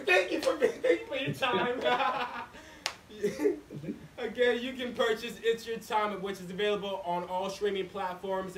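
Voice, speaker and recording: A man's voice: sits high, slight background noise. A man hosting a podcast, running a casual interview and outro in an upbeat, loose way. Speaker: podcast host. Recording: echoey room, distant mic.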